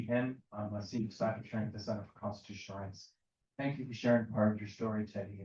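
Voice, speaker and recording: A man's voice: medium pitch, a little mellow. A man who is a lawyer explains a legal case on a panel in an articulate, formal way. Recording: echoey, distant, dull sound.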